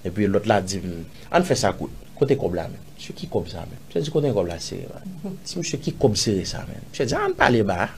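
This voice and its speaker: A man with a Haitian accent, an interview guest recounting a personal story, acting out other people's lines with sudden loud jumps and dropping to murmurs. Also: a little fast, hardly any pauses, a little hiss or hum. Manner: animated, acts out others' lines in raised voice; drops to low murmurs and whispers.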